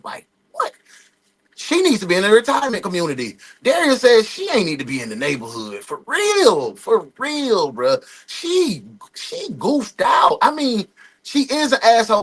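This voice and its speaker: Host, male, animated slangy commentator; bright, husky tone. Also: sits high. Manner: animated, slangy, laughing asides. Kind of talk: casual reaction commentary.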